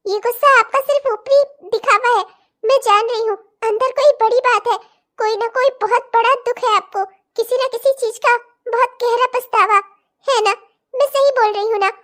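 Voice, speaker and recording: A woman voicing a patient, devoted young wife in a cartoon drama, pleading and gently insistent. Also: extremely high pitch, fairly even intonation, moderate pace. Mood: earnest. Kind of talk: cartoon voice acting.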